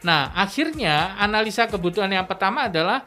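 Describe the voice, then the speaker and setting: A woman's voice: medium pitch, lively intonation, a little fast, bright, forceful tone, soft background music. A woman guest speaker on a radio talk show, explaining at length in a teacherly manner with many "you know" tag phrases. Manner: explanatory, teacherly, often tags phrases with "gitu ya". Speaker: guest speaker on business skills. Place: radio studio.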